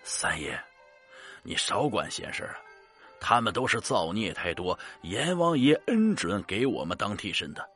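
A man voicing a scheming male water ghost who speaks in a low, hushed mutter. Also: sing-song, moderate pace, faint music behind. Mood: dismissive.

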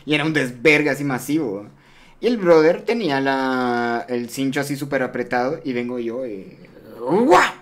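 A man's voice: medium pitch, normal speed. A young man telling crude school stories in a casual chat, acting out the voices of the people in them. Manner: crude, animated, acts out quoted voices.

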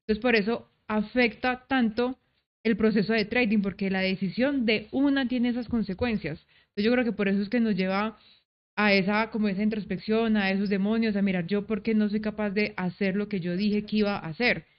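A woman talks through her trading experience at an easy middle pitch. She is reflective and leans on everyday examples to make her points. The recording sounds slightly dull and lo-fi. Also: steady tone, fairly quick. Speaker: trader guest. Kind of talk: casual chat.

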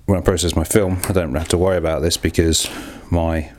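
Working by hand in a cramped darkroom with an echo, this podcast host chats and rambles, mocking himself and dropping the odd swear word. His low voice barely rises or falls, moving fairly quickly with a slightly mellow quality.

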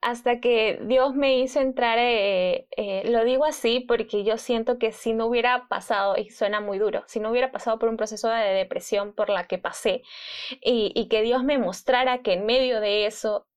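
A young woman giving an emotional faith testimony, halting, with many fillers and restarts. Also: on the high side, steady tone, clean tone. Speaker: guest sharing testimony.

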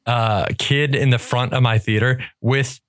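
A man co-hosting a podcast, chatting casually and telling stories in an animated way. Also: mid-range voice, moderate pace, no echo. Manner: animated storyteller, laughs while telling. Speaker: podcast co-host. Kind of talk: casual chat.

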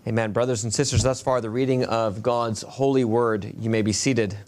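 Pastor guy at the pulpit mic, middle-pitched voice, earnest and measured, lots of uh's when he prays. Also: steady tone, a little mellow. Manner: earnest and measured, with halting fillers while praying. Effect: speaking at a pulpit microphone. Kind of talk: scripture reading and pastoral prayer. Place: church sanctuary, indoors.

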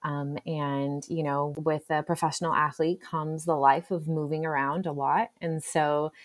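Low-voiced young woman, earnest and chatty. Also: little pitch movement, a little slow. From Czech Republic. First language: Czech. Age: 20s. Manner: earnest, talkative, frequent "you know" and "um" fillers. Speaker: pharmacy resident guest. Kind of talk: podcast interview answers.

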